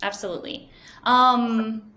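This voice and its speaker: A woman's voice: a little high, steady tone, slow pace, bright, forceful tone. A woman from Venezuela, answering interview questions fluently and earnestly, with frequent ums. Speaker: guest, data science manager.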